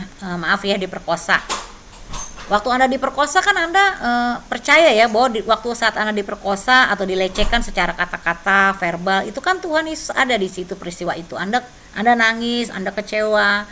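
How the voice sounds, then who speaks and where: Brief: woman church trainer, bright tone, conversational teaching, faint background noise. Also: medium pitch. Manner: conversational, frequent tag questions. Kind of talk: teaching with personal testimony.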